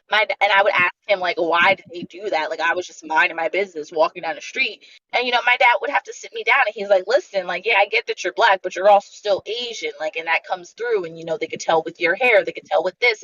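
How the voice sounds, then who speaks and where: A woman from Bangladesh talking in a casual livestream chat, emphatic and animated as she tells her story. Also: fairly low pitch, no echo. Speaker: livestream guest. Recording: dull lo-fi stream audio.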